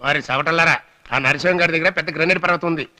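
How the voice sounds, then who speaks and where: A dubbing actor playing a scheming, fawning middle-aged uncle in a dubbed film, talking in a rapid, theatrical, wheedling way. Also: male voice, a little high, fairly even intonation, pushed and bright, no echo. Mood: scolding. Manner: rapid, wheedling and theatrical, scolding then pleading. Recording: dry studio dub.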